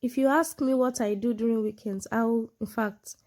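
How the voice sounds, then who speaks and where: Speaking English as a second language after a Nigerian language, this Nigerian-accented woman gives an informal lesson to camera as an online English exam tutor. Her voice is sonorous, on the high side and a little mellow, with fairly even intonation at a moderate pace. She uses examples and frequently checks in with "yeah" and "you know".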